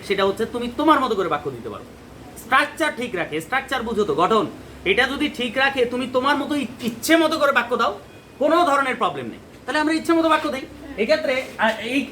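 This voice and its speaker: Bright-voiced male teacher. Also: very high voice, slight background noise, rough recording. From Bangladesh. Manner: explains step by step, repeating examples and asking rhetorical check questions. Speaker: English teacher. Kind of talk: classroom grammar lesson.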